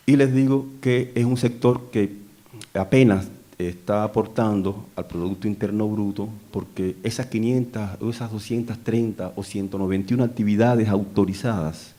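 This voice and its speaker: A man with a Cuban Caribbean Spanish accent gives a public speech on policy, speaking in an emphatic, deliberate manner. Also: low voice, warm tone. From Cuba. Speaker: conference speaker, economic researcher.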